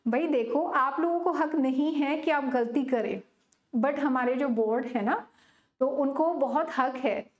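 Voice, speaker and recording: A woman with an Indian accent teaching an online exam-prep literature class, chatty and scolding, slowing down to read questions aloud. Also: high-pitched, reverberant. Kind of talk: live exam-prep class, mixing Hindi and English.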